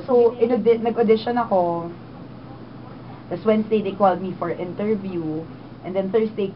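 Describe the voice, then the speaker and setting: A woman in her twenties with a Filipino accent, a radio DJ telling her story in an interview, mixing Tagalog and English. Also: fairly low pitch. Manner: animated, switches between Tagalog and English. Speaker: radio DJ guest. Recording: dull lo-fi sound with clear noise.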